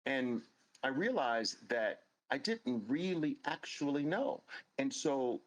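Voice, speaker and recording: A man's voice: medium pitch, animated, slow, low-quality recording. A man in his late fifties, hosting a show and telling a personal story in an earnest, emphatic way, repeating phrases for stress. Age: 50s. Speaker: host.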